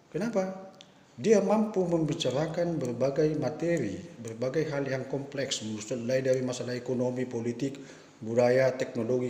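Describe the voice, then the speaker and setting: Male lecturer, emphatic, mid-pitched, recorded in a reverberant hall. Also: warm tone. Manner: emphatic, rhetorical questions. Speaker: professor giving a talk. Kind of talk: spoken lecture to teachers. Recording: echoey room with long reverb.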